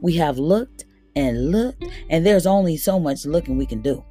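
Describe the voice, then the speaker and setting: A gentle, sorrowful preacher father with a lowered, soft and measured voice, weary but tender, as a woman reads him in an audiobook. The tone is warm and mellow. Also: animated, faint music behind. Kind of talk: audiobook character voice.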